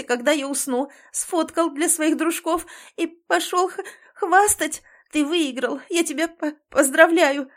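A woman voicing a furious young woman who shouts through tears and stammers. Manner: shrill, stammering. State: crying, screaming.

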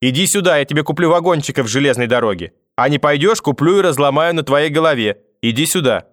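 A man's voice: medium pitch, fast talker, dry recording, studio quality, lightly acted. A man voicing a hysterical, furious old grandmother who screams threats and wails prayers. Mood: threatening.

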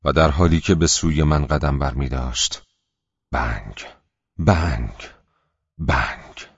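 A man narrating an audiobook in a measured, even storytelling manner. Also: a bass voice, creaky, husky, no room sound, highs cut off.

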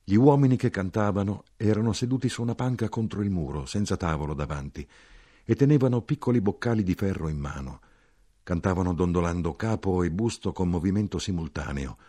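A man narrating a literary audiobook in a measured, evocative way. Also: low voice, expressive, dark tone.

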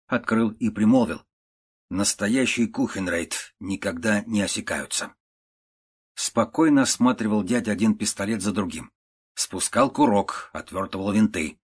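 A man reading a story aloud in a slow, measured, steady way. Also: on the low side, slightly rough. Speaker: narrator.

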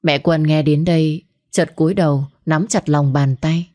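Low-voiced woman narrating a story. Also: fairly even intonation, moderate pace, mellow. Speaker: narrator voicing all characters.

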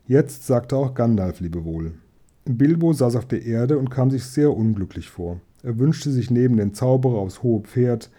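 Male audiobook narrator, calm and steady storybook reading, very dark mellow voice. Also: medium pitch, normal speed. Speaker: audiobook reader.

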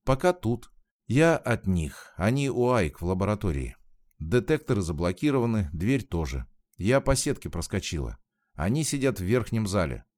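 A man reading aloud, voicing a frightened young woman who is near tears, raising his low voice as she pleads in a halting way. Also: sing-song, darkish tone. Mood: anxious.

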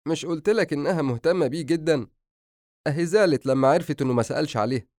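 A man voicing a playful, joking young man with an Egyptian accent who speaks in a lively way. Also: a little high, racing, no room sound, clean studio sound, voice pushed up, lightly acted.

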